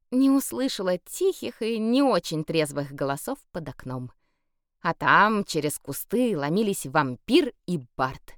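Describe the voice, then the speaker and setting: A woman narrating an audiobook in a lively, expressive storytelling manner. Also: lowish voice, no echo, studio quality. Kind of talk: scripted narration.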